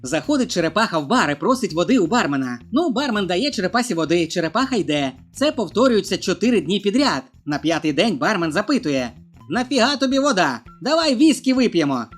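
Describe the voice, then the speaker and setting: A joke narrator reading a compilation of short jokes and voicing each character with a raised pitch. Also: very animated, fast talker, few pauses, faint music behind.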